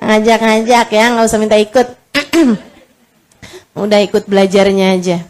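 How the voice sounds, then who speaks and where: A woman's voice: medium pitch, slow, a little mellow. A woman preaching an Islamic lecture, chatting with her audience and acting out the people in her stories. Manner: conversational, addresses audience as friends, acts out dialogue. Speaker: religious preacher.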